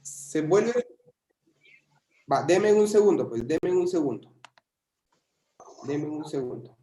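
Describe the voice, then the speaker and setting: A man's voice: on the high side, expressive, slow pace, dark tone. A man lecturing methodically in an online class, his audio breaking up and cutting out over the call. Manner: repeats key terms, methodical, clears throat. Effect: choppy, cutting-out video-call audio. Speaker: university lecturer. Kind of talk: online exam-review lecture. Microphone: video call. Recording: echoey room over choppy online call.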